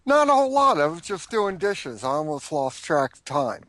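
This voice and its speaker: A man's voice: fairly high pitch, big pitch swings, normal speed, fairly bright tone. A man joining a casual chat from afar as a guest, dry and matter-of-fact as he recounts things. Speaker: remote guest.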